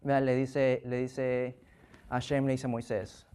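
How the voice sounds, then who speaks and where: A man preaching a sermon, talking in halting bursts with many restarts and frequent rhetorical questions, and acting out heartfelt prayers. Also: medium pitch, flat delivery, a little mellow, smooth. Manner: acts out prayers with rising intensity.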